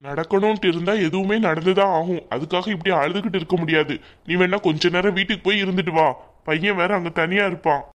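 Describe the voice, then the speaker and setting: A woman voicing a calm, patient young husband lying injured in a hospital bed, in a cartoon. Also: on the low side, fast talker, close to an everyday voice. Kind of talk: cartoon voice acting.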